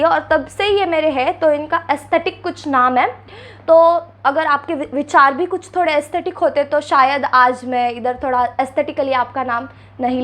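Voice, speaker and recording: A young woman vlogging from a chair, answering critics with sarcasm, on a clip-on mic. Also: sits high. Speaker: beauty vlogger. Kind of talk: casual reaction vlog. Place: seated indoors before a ring light and backdrop.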